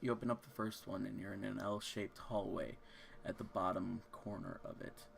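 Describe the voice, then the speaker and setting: Man, game master, low voice, gravelly, descriptive narration. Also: fairly even intonation. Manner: slow, descriptive scene-setting.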